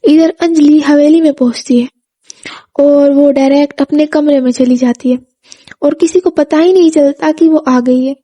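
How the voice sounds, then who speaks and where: Story narrator: woman, high and mellow-voiced, steady and plain delivery. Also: moderate pace. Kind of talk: scripted narration.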